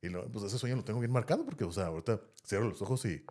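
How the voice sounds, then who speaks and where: Telling a story on a laid-back podcast, the Mexican-accented host speaks rapid-fire in an animated voice on the low side with a darkish tone. His talk rambles, and he keeps tagging sentences with "¿no?" and "así."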